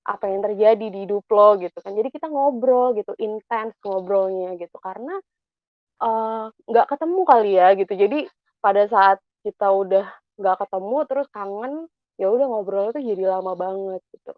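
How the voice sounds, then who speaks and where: A woman's voice: mid-range voice, normal speed, no echo. Chatty young woman over tinny audio. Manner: chatty, animated, acts out quoted thoughts. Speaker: guest speaker. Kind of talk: casual personal talk. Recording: dry, tinny phone-like audio.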